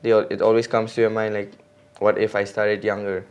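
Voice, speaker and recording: On a podcast, a mountain bike racer from India in his 20s speaks briskly in a lowish, slightly mellow voice with a clean tone and little pitch movement. His talk is relaxed and halting, with lots of fillers and restarts.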